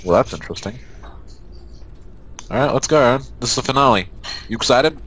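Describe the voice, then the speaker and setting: A man's voice: medium pitch, animated, fairly quick, a bit bright. A man playing a game and chatting casually, joking, laughing and teasing his co-player. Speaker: let's play gamer. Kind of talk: casual gaming banter.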